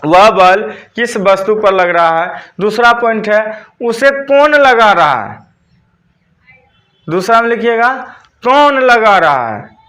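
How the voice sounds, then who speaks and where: A man's voice: high-pitched, expressive, slow pace, a bit bright. A man teaching a school physics lesson, dictating notes and repeating key terms back as questions for his students.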